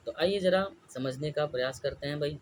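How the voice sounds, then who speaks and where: A man's voice: on the high side, brisk, a little hiss or hum. A man teaching a class lecture. He keeps asking the students questions and answers them himself. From India.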